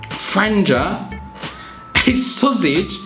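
Slow, chatty man in an echoey room. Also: high-pitched, sing-song, sharp tone, faint music behind. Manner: chatty, self-mocking, muses aloud. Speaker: vlogger. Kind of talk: casual vlog chat.

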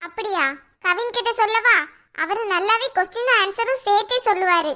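A woman voicing a defensive, quick-tempered young wife in a cartoon, pleading her case in a Tirunelveli Tamil accent. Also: very high voice, bright, forceful tone. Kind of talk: cartoon voice acting.

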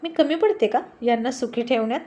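A woman voicing a good-humored, bashful housewife who gently scolds her husband. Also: high-pitched, a little fast, natural voice. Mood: affectionate.

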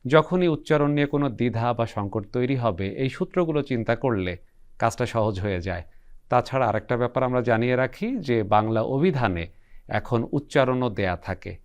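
Man, TV host, mid-pitched voice, measured, explains word origins. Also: expressive. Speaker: host and presenter. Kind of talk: scripted educational presenting.

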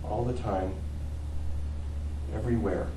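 A pastor preaching a sermon in earnest, swelling to emphatic peaks and sinking to quiet phrase ends. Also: male voice, fairly low pitch, steady tone, takes it slowly, roomy sound, far from the mic, noisy background. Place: church sanctuary.

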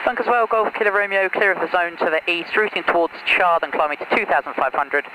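A man flying a light plane, making clipped radio calls over his cockpit headset intercom. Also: high voice. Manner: brisk, clipped radio phrasing. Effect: pilot's cockpit headset intercom. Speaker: private pilot. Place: small plane cockpit in flight. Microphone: headset boom mic. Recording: headset audio with loud engine noise. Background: steady engine drone.

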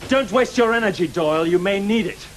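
A man's voice: sits high, brisk, slight background noise, close to an everyday voice. An actor playing a proud, unhinged man who believes he is Sherlock Holmes, grandiose and taunting, with a British accent in a radio drama. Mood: mocking. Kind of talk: studio radio drama acting.

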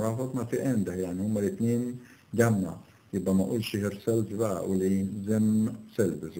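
A man with an Egyptian Arabic accent teaching an exam review, his voice fairly low and mellow. He reads the English sentences out slowly and explains each one in Arabic. He keeps asking the class questions and then answers them himself. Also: poor audio.

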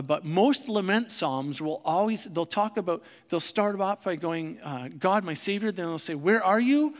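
Soft-spoken man preaching in reverberant church. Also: high-pitched. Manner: conversational, with frequent fillers and restarts. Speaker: pastor. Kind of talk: sermon. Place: church sanctuary.

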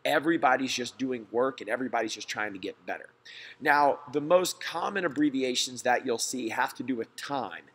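A man coaches through a slideshow lesson, explaining things plainly and reassuringly. His voice has a husky, slightly breathy edge. His pitch sits in an ordinary middle range. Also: a little fast, a bit bright. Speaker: gym coach.

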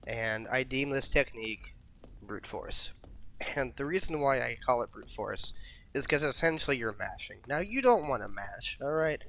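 A man's voice: mid-range voice, animated, normal speed, creaky, a bit bright. A man giving a casual, laid-back fighting game tutorial, swearing freely and repeating himself as he explains inputs.

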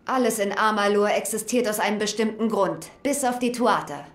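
A woman's voice: mid-range voice, brisk, close to an everyday voice. Woman voicing a fretful gnome alchemist. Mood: grave. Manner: grave and fretful. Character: worried female gnome alchemist, former head alchemist. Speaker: game character. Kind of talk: dubbed video game dialogue. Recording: echoey game audio.

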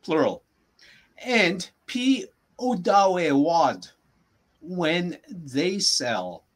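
A man teaching a language in a casual lesson, patiently repeating phrases slowly for his learner. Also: sits high, big pitch swings.

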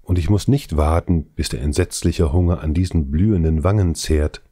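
A male audiobook reader voicing a despairing young princess in anguished, lamenting declamation, his low dark voice pitched up a little. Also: moderate pace, slightly rough, no room sound, clean studio sound. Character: despairing young princess, abducted king's daughter. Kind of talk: scripted audiobook reading.

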